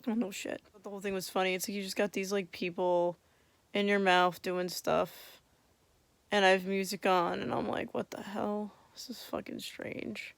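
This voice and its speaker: A woman's voice: medium pitch, level tone, moderate pace, gravelly, smooth, no room sound. A young woman chatting casually and candidly after wisdom teeth removal, drowsy, with a swollen mouth and a lisp. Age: young adult. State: tired, drowsy from medication. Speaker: vlogger. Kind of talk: casual chat.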